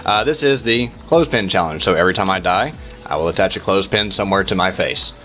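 A man in his thirties giving casual, halting commentary as host of a gaming challenge video, with exclamations and muttered asides. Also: low-pitched, sharp tone. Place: small room indoors. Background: music.

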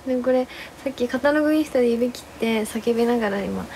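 High hoarse young woman streaming, bubbly, cute little exclamations, thanking viewers nonstop. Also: noisy background. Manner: playful exclamations and cute drawn-out reactions. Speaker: live streamer, former idol. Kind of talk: casual live-stream chat.

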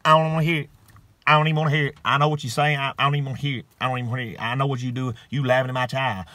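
A man's voice: medium pitch, level tone, racing, bright, forceful tone, dry recording, natural voice. Man doing an indignant mother. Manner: repetitive, indignant, refusing to listen. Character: angry protective mother at a kids' game.

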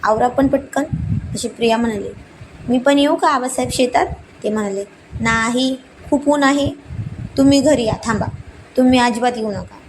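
A woman's voice: fairly high pitch, normal speed, long pauses, background noise. A woman narrating a romantic family story and voicing the dialogue lines with small shifts.

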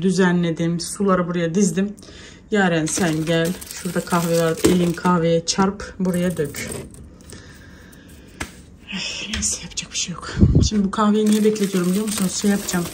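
A woman's voice: lowish voice, flat delivery, normal speed, noisy background. A woman in her thirties with a Turkish accent, chatting to viewers in a casual home vlog while she cleans and calls after her kids. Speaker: vlogger, mother.

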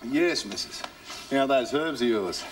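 An actor playing a hapless, easygoing drover with an Australian accent and a laconic, drawling way of talking. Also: male voice, mid-range voice, expressive, normal speed, natural voice. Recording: distant TV mic with faint noise.

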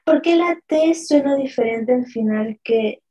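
A woman teaching a live online French lesson, modelling words slowly and repeatedly and answering viewers from the chat by name. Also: high-pitched, warm tone, muffled recording.

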